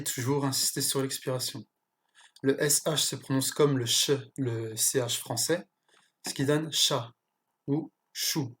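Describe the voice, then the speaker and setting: A teacher slowly explaining pronunciation, pausing often and correcting small slips along the way. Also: mid-range voice, fairly bright tone. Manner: slow, careful explanation with pauses and self-corrections. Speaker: language teacher.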